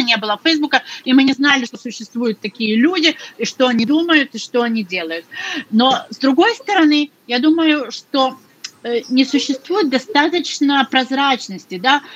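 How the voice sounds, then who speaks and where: A woman's voice: sits high, fairly bright tone. A woman speaking as an interviewer in a conversational interview. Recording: dull audio with faint noise.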